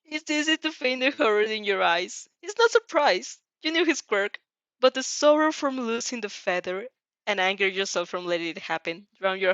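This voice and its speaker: A woman reads a second-person fan fiction story in an expressive, theatrical style, peppered with reactions. Her mid-range voice has a fairly bright tone, and the lo-fi sound carries no room noise.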